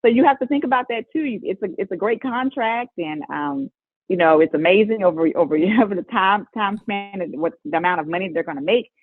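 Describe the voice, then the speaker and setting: A middle-aged woman, the mother of an NBA player, is a guest in a conversational interview, telling stories in a lively way and laughing often. Her mid-range voice moves fairly quickly. The audio is tinny and dry like a phone line, with no room sound.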